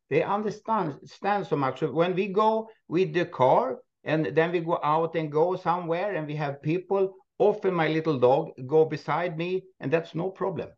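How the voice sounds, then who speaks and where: A Swedish man who owns a moose park, speaking halting, non-native English with many restarts and frequent laughs in a casual interview. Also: a little high, highs cut off. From Sweden. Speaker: moose park owner, guest.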